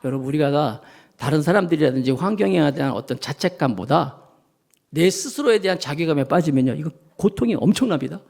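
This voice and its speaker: A man's voice: on the high side, a little fast, vocal fry. A male pastor preaching a sermon, telling the story vividly and speaking straight to his congregation. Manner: animated storytelling, acts out voices and sounds; addresses congregation directly.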